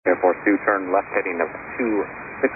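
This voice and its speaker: A man's voice: low voice, a little fast, phone-quality sound. A man working as an air traffic controller, giving procedural instructions over the radio. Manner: flat procedural delivery.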